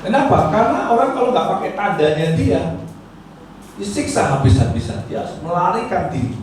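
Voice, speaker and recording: A man's voice: high voice, very animated, a little fast, slight background noise. A male pastor preaching a sermon, urging listeners with rhetorical questions and rising, emphatic lines. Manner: exhorting, asks the congregation rhetorical questions. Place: church hall. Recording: echoey hall, mic from far off.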